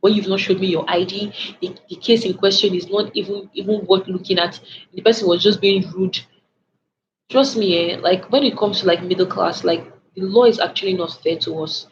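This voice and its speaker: Young woman, casual livestream storytime, animated, lots of restarts, slightly dull lo-fi audio, faint hiss. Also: medium pitch, moderate pace. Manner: animated retelling with many restarts and filler words. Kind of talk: casual late-night livestream storytime, reading chat.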